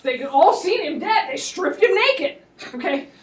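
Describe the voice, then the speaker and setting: Woman history lecturer, high voice, wry storytelling, distant classroom mic. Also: moderate pace. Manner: lively, wry, laughing asides.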